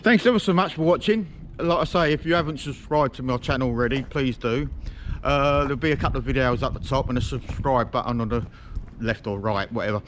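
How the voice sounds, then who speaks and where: A man's voice: mid-range voice, fairly quick. A British man with slurred, toothless diction, casually hosting a farm-visit vlog. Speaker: video host. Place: working farm yard and sheds. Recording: noisy on-location camera sound.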